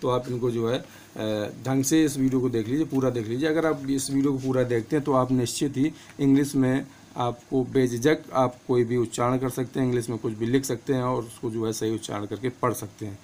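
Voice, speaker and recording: A man's voice: mid-range voice, steady tone, a little mellow. A man teaching English pronunciation and spelling, listing words one by one with their meanings. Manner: slow, patient, lists words with meanings.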